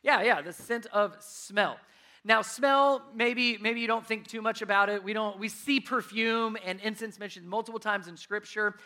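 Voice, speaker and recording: Bright, high-voiced man preaching. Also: normal speed. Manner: animated storytelling, voice rising when worked up. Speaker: pastor. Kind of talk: sermon.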